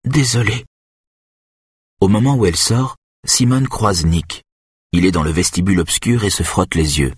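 A man narrating an audiobook in a steady, even storytelling way. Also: low voice, normal speed, husky, no room sound, studio quality.

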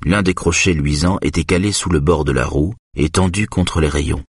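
A man narrating a tense first-person story in a measured way. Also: rumbling low, husky, no room sound, studio quality.

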